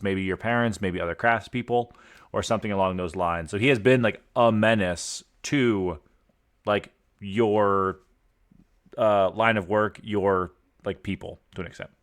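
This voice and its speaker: Smooth-voiced man running a tabletop game. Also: on the low side, fairly bright tone. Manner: rambling, filler-heavy explaining. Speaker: game master. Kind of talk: improvised narration for a tabletop game.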